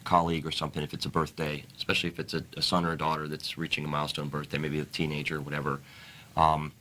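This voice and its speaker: A man speaking as a guest author in an interview, earnest and halting, often restarting his sentences. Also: extremely low pitch, monotone, bright, forceful tone, a little hiss or hum. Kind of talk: interview talk.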